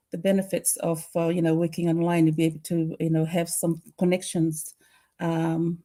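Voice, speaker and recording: A woman's voice: on the low side, dark tone. An older woman from Fiji hosting an online live chat, talking with many hesitant fillers. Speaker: host.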